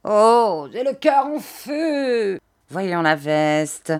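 A woman's voice: mid-range voice, big pitch swings, very slow, voice pushed up, heavily acted. Mad old rag dealer, male, ferocious and drunken, shrieking sing-song wails, played by a woman.

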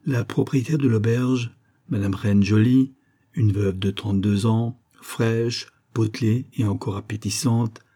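A male audiobook narrator reads a novel in a measured, even manner. His voice sits low and mellow with a husky edge.

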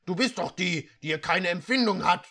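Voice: medium pitch, animated, moderate pace, sharp tone. A reader voicing a possessive, brooding male half-unicorn prince, pushy and commanding in a mock-dramatic reading.

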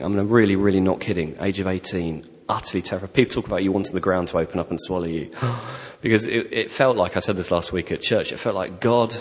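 Low-voiced preacher telling his story, echoey church hall. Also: breathy edge. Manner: storytelling, animated, self-deprecating humour. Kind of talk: sermon testimony. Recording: long hall reverb.

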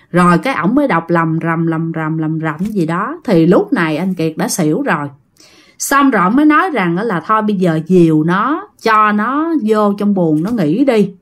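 A woman, telling a ghost story in a chatty way and speaking straight to her listeners. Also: mid-range voice. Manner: chatty, addresses listeners directly.

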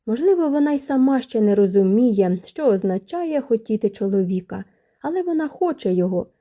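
Calm woman narrating a romance audiobook. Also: on the high side, a little fast. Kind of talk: scripted narration of a romance novel.

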